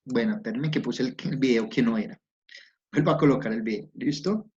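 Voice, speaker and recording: A man's voice: medium pitch, brisk, loud music behind the voice. Patient male teacher on a video call. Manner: patient, encouraging, asks many questions. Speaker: primary school teacher. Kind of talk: online class with children. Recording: dull lo-fi sound, faint noise.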